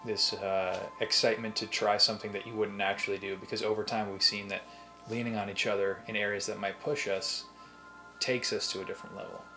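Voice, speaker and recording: Band guy talking earnestly, lowish bright voice, soft music under it. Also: level tone, a little fast, poor audio. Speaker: band member. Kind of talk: reflective interview answer.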